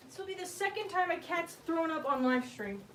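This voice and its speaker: This livestream host talks a little fast, her extremely high voice full of lively intonation. Indoors at home with the window open and the room noisy, she rambles casually, pokes fun at herself, and swears without restraint.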